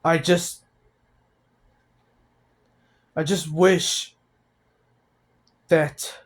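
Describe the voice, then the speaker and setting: A young man of eighteen speaks with a fairly high voice in a personal vlog. He talks in a halting, heavy way and restarts his sentences often. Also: little pitch movement. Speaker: vlogger.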